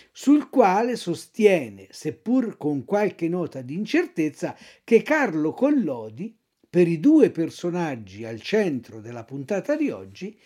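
A woman storyteller reading a classic tale aloud and sharing trivia, expressive and dramatic. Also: on the low side.

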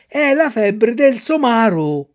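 A woman voicing a kindly little female marmot who gently consoles and explains with sympathy. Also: a little high, big pitch swings, slow pace. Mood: caring.

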